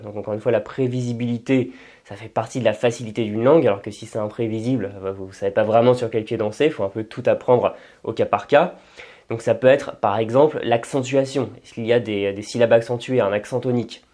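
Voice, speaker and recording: Thinking out loud as he explains things casually, this language-learning video host often hesitates and starts over. He's a man whose first language is French, with a medium-pitched, dark-toned voice.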